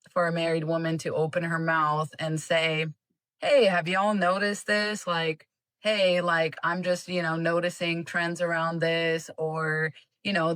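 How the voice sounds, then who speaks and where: A woman's voice: lowish voice, fairly bright tone, no room sound. A woman from Eastern Europe, a guest creator on a livestream, talks frankly and casually with some fillers.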